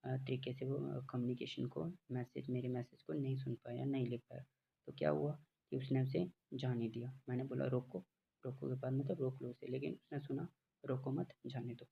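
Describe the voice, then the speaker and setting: A man teaching a lecture, explaining step by step with frequent fillers and reading English definitions very slowly. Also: mid-range voice, flat delivery, creaky. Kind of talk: classroom lecture. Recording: dull lo-fi with faint background noise.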